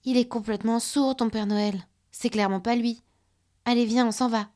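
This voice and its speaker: A woman's voice: on the high side, steady tone, normal speed, dark tone, pitched above the performer's own voice, natural voice. A woman doing an eager little girl in a storybook. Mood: exasperated. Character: curious determined young girl.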